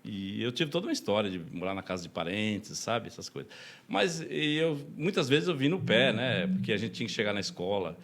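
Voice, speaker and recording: A man's voice: fairly low pitch, big pitch swings, fairly quick, a bit bright. Chatty Brazilian man telling stories. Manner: chatty, laughs often, many "né?" tags. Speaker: podcast guest, deacon. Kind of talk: casual interview storytelling.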